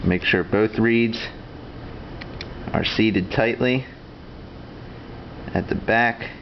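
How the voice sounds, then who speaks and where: Low-voiced man giving a casual hands-on tutorial. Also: very slow. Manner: plainspoken, matter-of-fact. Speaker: instructor demonstrating duck call tuning. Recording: dull lo-fi sound with clear background noise.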